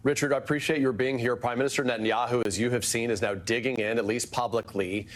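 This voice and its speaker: A man anchors a news program with a smooth, scripted delivery. His voice sits at a middle pitch. He moves easily between introductions and questions for a guest. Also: fairly even intonation, fast talker.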